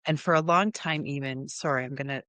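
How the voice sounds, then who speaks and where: Low-voiced reflective woman guest. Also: fairly bright tone, no room sound. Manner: reflective and halting, with restarts. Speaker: guest therapist. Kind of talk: casual chat.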